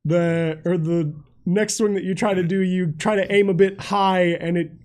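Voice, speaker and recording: A man's voice: high-pitched, fairly even intonation, normal speed, darkish tone. A man improvising vivid, informal narration as game master of a tabletop game.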